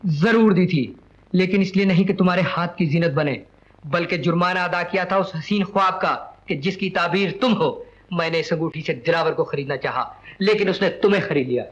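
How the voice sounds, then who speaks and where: An actor playing a suspicious young husband in a 1940s film, speaking in stern, formal tones. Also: male voice, sits high, a little fast, dull audio, natural voice. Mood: bitter. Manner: stern, accusing, formal Urdu diction. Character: jealous young husband Iqbal, suspicious then remorseful.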